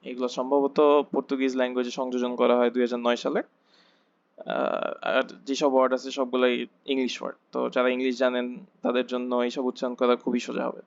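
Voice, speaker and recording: A man's voice: mid-range voice, monotone, quick pace, gravelly, dull audio. A man teaching a language lesson, saying each letter and example word twice and then explaining in casual Bangla with English words mixed in. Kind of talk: slow alphabet drill, each word said twice.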